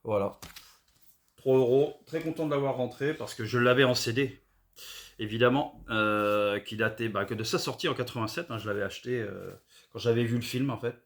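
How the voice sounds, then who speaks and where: A man's voice: medium pitch, moderate pace. A middle-aged man from France chatting casually and hesitantly, with many fillers, about records he found. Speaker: record collector vlogger. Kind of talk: casual haul video chat.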